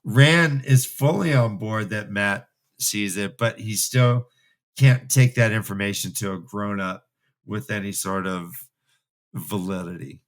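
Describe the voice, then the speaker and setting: In this casual book discussion, a co-host of a fantasy re-read podcast rambles imaginatively about fantasy books. He speaks on the low side and in no hurry.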